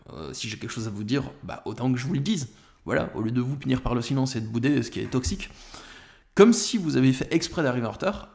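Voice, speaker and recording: A man's voice: medium pitch, a little mellow. A man with a French accent, a coach, giving direct-to-camera advice with emphatic, example-driven explanations.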